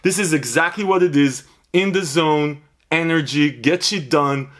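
A man's voice: a little high, unhurried, a bit bright. A man reviewing a pre-workout supplement in a blunt, profane, rambling way, repeating himself for emphasis. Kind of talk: casual review vlog.

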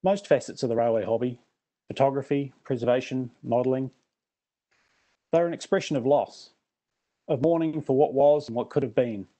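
A middle-aged man with a New Zealand accent presents a prepared talk over a series of images, his voice mellow and warm. He delivers it steadily at an ordinary pitch, slipping in dry, self-deprecating jokes. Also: moderate pace, long pauses.

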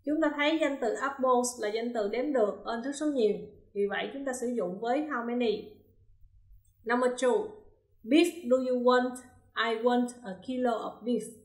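A woman English teacher giving a recorded lesson. She reads example sentences slowly and carefully, then explains each answer step by step. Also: on the high side, a little mellow. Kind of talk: recorded classroom lesson, explaining grammar exercises. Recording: roomy, echoey room.

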